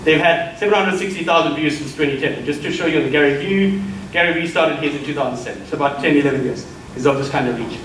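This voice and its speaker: In a lecture hall, a middle-aged South African man gives a forceful keynote, treating listeners as colleagues. His voice runs on the high side, fast and fairly bright. Roomy echo from a far microphone, faint background ambience, and a little hiss or hum color the recording.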